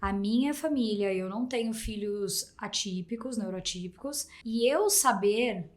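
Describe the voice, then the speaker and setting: A woman with a Brazilian Portuguese accent hosting a podcast, telling stories in an animated way, acting out her child's replies, often restarting her sentences. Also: medium pitch, a little slow. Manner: rambling with frequent restarts. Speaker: podcast host. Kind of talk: casual interview chat.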